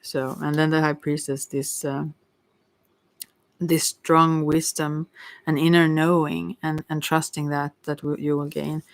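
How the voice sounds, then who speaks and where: A tarot card reader talks informally to listeners, rambling and halting as she frequently stumbles over words. Her voice is medium-pitched with little pitch movement, and there's no echo.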